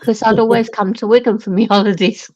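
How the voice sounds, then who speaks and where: A woman with a Lancashire accent, chatting casually on a panel and telling stories with lively acted-out quotes. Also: mid-range voice, brisk, dry recording, lo-fi sound. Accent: Lancashire English. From England. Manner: animated storyteller, acts out quoted friends. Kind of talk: casual chat.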